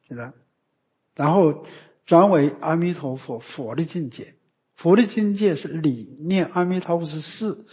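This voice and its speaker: A man with a high voice gives a Buddhist dharma talk, teaching in a didactic, emphatic way and ending his points with short tag questions. The recording is muffled and lo-fi. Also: darkish tone.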